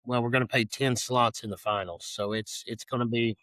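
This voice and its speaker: A man, talking as a guest organizer in a casual, folksy, halting interview style. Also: medium pitch, fairly even intonation, fairly bright tone, no room sound.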